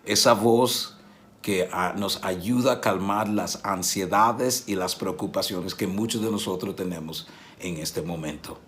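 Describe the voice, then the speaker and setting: Male preacher, fairly low voice, conversational sermon delivery with rhetorical questions. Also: measured pace, a bit bright, slight background noise.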